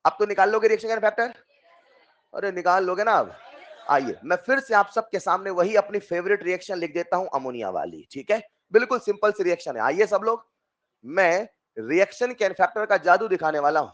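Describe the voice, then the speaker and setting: A man, coaxing dear children with question after question. He jumps into loud, animated emphasis on the key points. The sound is dull and lo-fi. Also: high-pitched, a little fast. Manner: coaxing, repeats questions to students, calls them dear children. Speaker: chemistry teacher. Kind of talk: online class lecture.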